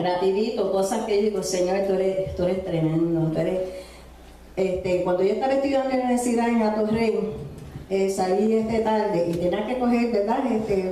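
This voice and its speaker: A woman's voice: mid-range voice, dark tone, slight background noise. A woman preacher, telling a testimony in a sermon, full of fillers and tag questions. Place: church. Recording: echoey church from far off.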